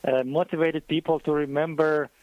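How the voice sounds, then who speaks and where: A man's voice: fairly high pitch, fairly even intonation, normal speed, no room sound, narrow, tinny audio. A man, a guest economist answering interview questions by phone in a hesitant, thoughtful way. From Croatia. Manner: hesitant, thoughtful, with many fillers.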